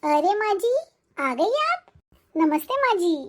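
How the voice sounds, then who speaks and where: A voice actor playing a respectful elder daughter-in-law who speaks softly and pleadingly in an animated moral story. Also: very high voice, takes it slowly, heavily acted. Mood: gentle.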